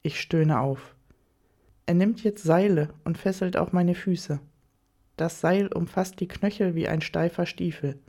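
A woman narrates an erotic audio story in the first person. Her delivery is very slow and soft, and her tone is mellow and dark. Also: fairly low pitch.

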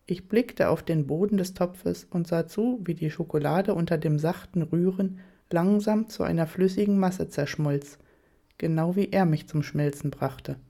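A woman narrating a first-person erotic story in a measured, breathy reading. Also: on the low side, mellow. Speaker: audiobook narrator.

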